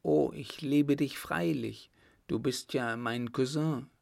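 A man's voice: medium pitch, slow pace, gravelly, a little mellow, voice pushed up. A man reading an audiobook, voicing a teasing, composed young noblewoman in a raised, playful voice. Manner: lightly mocking, playful.

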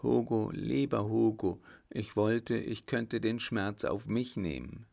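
A man voicing an anxious, tender young woman who speaks in a breathy hush, read slowly in an audiobook. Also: on the low side, heavily acted. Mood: tender worried. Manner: breathy, hushed.

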